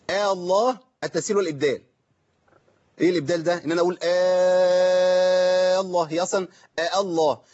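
Male tajweed teacher, Egyptian Arabic accent, fast and raised in pitch, questions himself while he teaches, dull lo-fi recording. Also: husky. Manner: explains by asking himself questions, then demonstrates slow, drawn-out recitation. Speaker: Quran recitation teacher. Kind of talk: tajweed lesson answering viewer questions.

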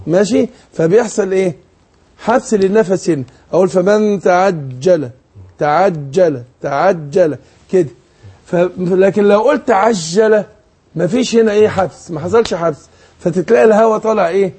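Man, Egyptian accent, tajweed teacher, high but dark voice, patient questioning, slow demonstrations. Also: breathy edge. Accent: Egyptian Arabic. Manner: explains patiently, asks leading questions, demonstrates slow recitation. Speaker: Quran recitation teacher. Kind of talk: tajweed lesson.

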